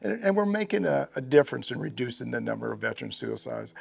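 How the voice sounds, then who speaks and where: An older man hosting an interview, talking in a halting way with many repeated words. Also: medium pitch, gravelly, slightly rough. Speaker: podcast host. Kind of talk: casual interview.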